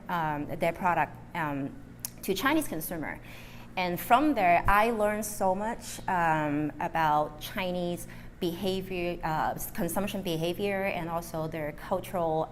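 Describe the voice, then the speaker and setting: Hong kong woman chatting on stage, lots of ums, lowish voice. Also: a little hiss or hum. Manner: easygoing, many fillers and small slips in English. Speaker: guest speaker, marketing manager. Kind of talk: live interview before an audience.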